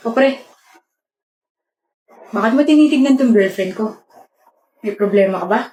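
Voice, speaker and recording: A woman performing scripted comedy skit scenes in a lively, exclamatory way. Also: on the high side, slow pace, long pauses. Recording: echoey room with faint hum.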